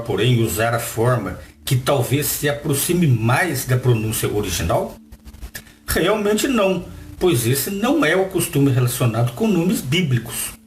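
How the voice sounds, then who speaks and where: A Brazilian-accented man reads a passage aloud, then breaks off to explain it in his own words. His pitch swings widely and he keeps asking the listener questions. The voice sounds roomy and echoey, with a faint hiss underneath. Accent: Brazilian Portuguese. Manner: lively, asks the listener rhetorical questions. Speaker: Bible reader and teacher. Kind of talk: reading a text aloud with added commentary. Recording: roomy echo with faint background noise.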